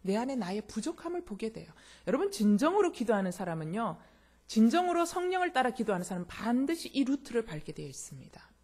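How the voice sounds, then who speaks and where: A woman's voice: fairly high pitch, very animated, fast, a little mellow, slightly rough. A woman pastor preaching a sermon, emphatic and speaking straight to her congregation with questions. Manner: addresses listeners directly and often.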